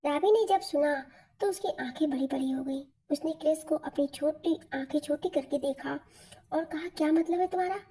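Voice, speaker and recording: A woman narrating an audio love story in scripted storytelling, soft and emotional. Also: sits high, normal speed, distant mic.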